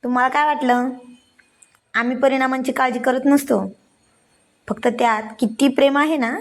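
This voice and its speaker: A bashful young wife who teases back playfully, as a woman storyteller puts her on. Her voice sits a little higher than the plain narration. The manner is light, coy and affectionate. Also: fairly even intonation, normal speed. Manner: bashful and teasing.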